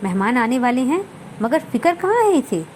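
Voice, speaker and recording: A woman's voice: high voice, sing-song, moderate pace, slight background noise. A woman doing a stern, scolding mother-in-law. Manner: scolding, sharp. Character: stern middle-aged mother-in-law, sharp-tongued.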